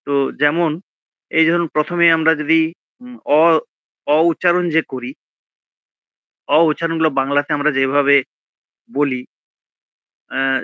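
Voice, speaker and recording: An older man gives an informal online lesson on Sanskrit pronunciation. He hesitates with many fillers, slows down to demonstrate sounds and often trails off softly. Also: on the high side, no echo, lo-fi sound. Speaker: Gita and Sanskrit teacher.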